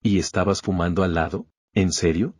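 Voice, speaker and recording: A calm, strong young fighter speaking in terse, serious words, as a male narrator voices him in a low, husky tone. The voice is dry and close. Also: normal speed, no room sound.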